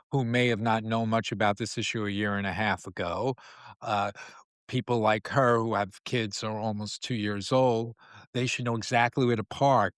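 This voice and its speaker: A man's voice: lowish voice, no echo, studio quality. A man from New York City hosting his own talk show, speaking in a loose, rambling monologue full of fillers and restarts. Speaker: podcast host. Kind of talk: casual monologue.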